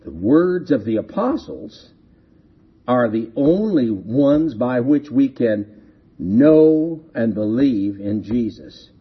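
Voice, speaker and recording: A man preaching slowly and deliberately, his voice rising and falling widely as he stresses each point. His tone is somewhat husky, and the recording sounds dull and lo-fi. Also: medium pitch, sing-song. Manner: slow, emphatic, repeats key phrases and asks rhetorical questions. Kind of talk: sermon.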